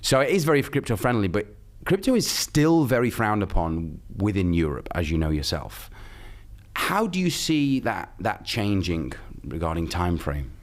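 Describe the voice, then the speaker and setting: A man hosting a podcast interview who fills his questions with "sort of" and "obviously" and keeps agreeing in quick replies. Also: fairly low pitch, very animated. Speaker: podcast host. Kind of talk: casual interview.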